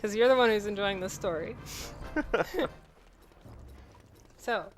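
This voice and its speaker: A young woman reads a crude fan story out loud on a gameplay video she co-hosts, giggly and laughing through it. She speaks slowly at a medium pitch, with soft music behind her and low-quality audio.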